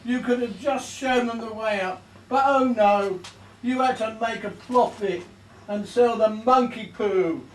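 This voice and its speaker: A man's voice: high voice, a little slow, recorded from a distance, a little hiss or hum. A man playing a sardonic, exasperated companion in a comic pantomime double act, hammy and mock-earnest. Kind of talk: amateur stage pantomime. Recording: echoey stage from afar, audience.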